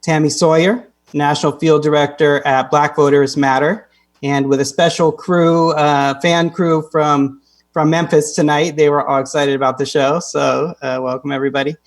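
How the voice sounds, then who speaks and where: Man, moderately high pitch, host, live guest introductions, halting delivery. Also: level tone.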